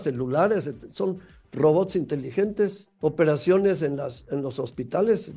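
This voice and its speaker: Gravelly man giving an emphatic talk. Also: fairly high pitch, mellow. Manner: emphatic, full of rhetorical questions. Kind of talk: motivational talk on parenting.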